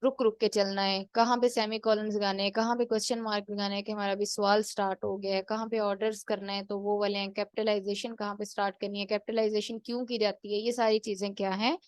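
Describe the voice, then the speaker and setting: A woman's voice: mid-range voice, flat delivery, quick pace, hardly any pauses, no room sound. A woman teaching punctuation in an online lecture, mixing terms into her explanation and checking in with "theek hai". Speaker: English teacher.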